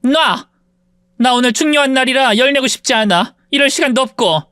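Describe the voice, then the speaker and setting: A woman voicing a patient middle-aged woman, a former maid, who answers a bully in a calm, restrained way in an audio story. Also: sits high, moderate pace, dry recording, studio quality.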